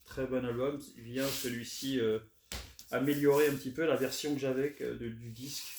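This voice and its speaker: A man chatting casually as he shows off his record finds, relaxed and hesitant with many fillers. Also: mid-range voice, moderate pace. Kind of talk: casual unboxing chat. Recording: roomy echo, faint noise.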